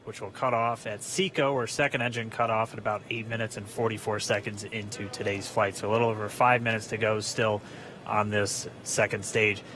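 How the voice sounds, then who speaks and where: Bright, even-toned male launch commentator. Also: lowish voice, fairly quick, faint music behind. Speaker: launch webcast host.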